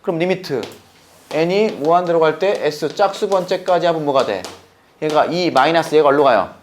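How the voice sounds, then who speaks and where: A man teaching math, walking through the steps and constantly quizzing his students with quick questions. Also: on the high side, slight background noise. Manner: playful, talking to himself. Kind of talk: lecture.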